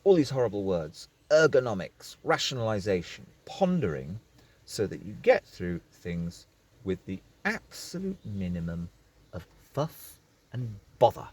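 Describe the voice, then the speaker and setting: A man's voice: lowish voice, very animated, unhurried, a little mellow, husky. A man talking into his phone camera from a parked vehicle, rambling and going off on digressions in a casual vlog. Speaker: vlogger.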